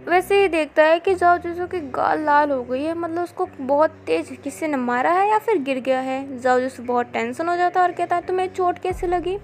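High-voiced woman reading a story. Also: normal speed, hardly any pauses, soft background music. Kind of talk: reading a romance fan story aloud.

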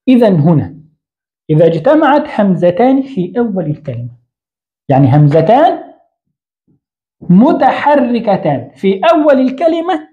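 In this online lesson, a man teaches Arabic grammar in a high voice over lo-fi audio. He writes on a board while explaining, poses a question to the learner and then answers it himself, and frequently corrects his own slips.

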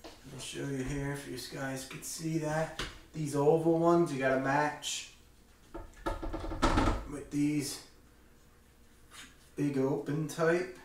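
Speaking slowly with long pauses, this middle-aged man has a fairly high pitch and a steady tone. He's a hobby vlogger giving a casual, folksy hands-on product demo in a small indoor room at home. Recorded by a camera a few metres away, the audio is distant and very echoey, with a faint background noise.

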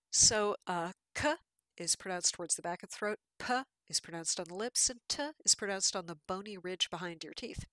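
A woman's voice: fairly low pitch, bright, forceful tone, dry recording. A woman giving a patient, explanatory lecture with slides, with fillers and restarts.

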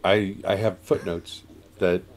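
A man's voice: low-pitched, level tone, takes it slowly. A man co-hosting a casual news chat show, with dry, teasing remarks. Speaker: podcast co-host.

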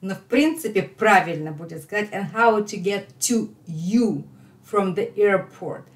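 A middle-aged woman with a Russian accent teaches English, walking learners through a phone call line by line. Her mid-range voice is animated, and she repeats phrases slowly and emphatically so students can follow.

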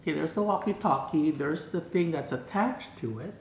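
This sixty-something vlogger speaks a little high, with lively intonation and a normal pace, as he unboxes something in his home dining room. He thinks out loud, reads passages aloud and throws in puzzled asides. A camera across the table records him cleanly, with noticeable room echo.

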